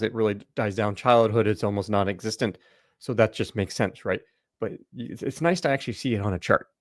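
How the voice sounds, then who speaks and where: A man's voice: medium pitch, dry recording, clean studio sound. A middle-aged man, a naturopathic doctor, explaining a slide presentation in a loose conversational way, with lots of fillers and restarts.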